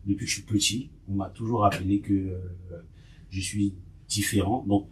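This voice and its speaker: A man's voice: lowish voice, level tone, moderate pace, a little hiss or hum. A man in his thirties from Côte d'Ivoire, a podcast guest, speaking reflectively and repeating himself. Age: 30s. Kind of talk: conversational testimony.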